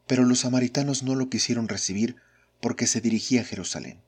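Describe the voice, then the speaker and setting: A man reading scripture aloud in a slow, measured, solemn way. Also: mid-range voice, husky. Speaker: scripture reader.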